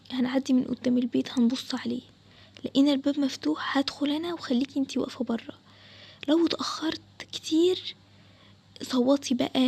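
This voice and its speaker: A woman's voice: high-pitched, vocal fry, husky, exaggerated voice. Woman voicing a daring young Egyptian boy. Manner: confident, reassuring, hushed at times. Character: bold young boy Adam, daring treasure hunter.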